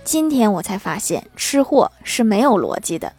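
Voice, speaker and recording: A woman host telling a string of scripted comic stories with lively, chuckling punchlines. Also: mid-range voice, moderate pace, over music. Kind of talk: scripted comic joke storytelling.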